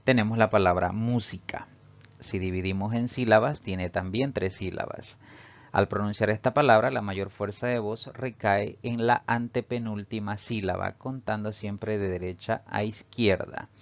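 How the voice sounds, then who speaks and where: A man teaching a grammar lesson, explaining slowly and methodically and repeating the same phrases. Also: on the low side, steady tone, no echo, dull audio.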